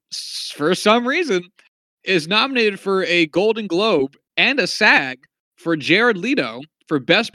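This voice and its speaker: A man's voice: a little high, sharp tone, dry recording. A man co-hosting a casual film review chat, rambling with lots of fillers and wry asides. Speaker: podcast co-host.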